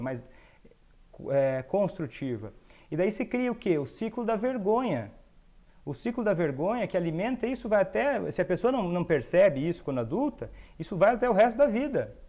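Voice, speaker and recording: A Brazilian man hosting an educational monologue, explaining calmly and now and then acting out the voices of children and parents. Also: sits high. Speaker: host, doctor.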